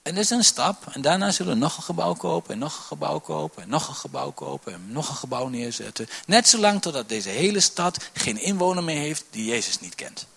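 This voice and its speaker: A man, a pastor preaching a sermon to his church, swinging between loud calls and quiet asides. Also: on the high side, big pitch swings, brisk, gravelly, hardly any pauses, slightly rough. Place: church hall.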